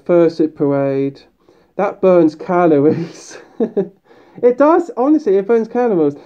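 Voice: mid-range voice, mellow. A fursuit video creator talking through a mascot head in a casual, upbeat, rambling way, with many fillers and restarts. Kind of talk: casual vlog talk. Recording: dull lo-fi recording.

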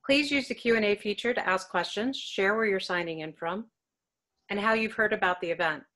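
Hosting a web talk from a room at home, a woman reads polished, prepared questions over a video call in a scripted moderation style. Her medium-pitched voice is a little fast and a bit bright.

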